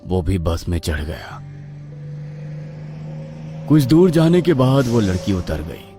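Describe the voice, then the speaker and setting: A man's voice: deep voice, very animated, takes it slowly, over music. A man narrating a horror story in a suspenseful, dramatic storytelling style.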